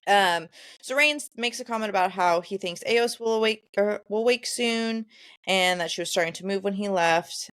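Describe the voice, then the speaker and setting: A woman's voice: medium pitch, normal speed, fairly bright tone, clean tone, no echo, studio quality. Chatty woman recapping a book. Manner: retells scenes, quoting characters in a chatty tone. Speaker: podcast co-host.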